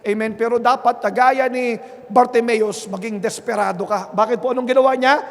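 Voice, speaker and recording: A man with a Filipino accent preaching a bilingual Sunday sermon on a handheld mic, asking "Amen?" after nearly every phrase and moving from quiet earnest talk to loud, emphatic preaching. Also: extremely high pitch, fairly even intonation, moderate pace. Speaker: pastor. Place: church sanctuary. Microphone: handheld microphone. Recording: long hall reverb in a church.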